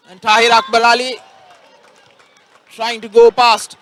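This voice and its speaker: Very high, bright male basketball commentator. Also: a little slow. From Sri Lanka. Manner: energetic analysis, raising voice on plays. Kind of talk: live sports commentary. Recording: crowd noise faint behind.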